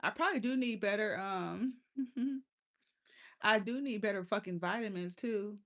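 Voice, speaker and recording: A woman with a lisp hosts a casual livestream, speaking in a mid-range, slightly bright voice at a measured pace. She's loose and profane with her viewers, laughing often and talking straight to chat.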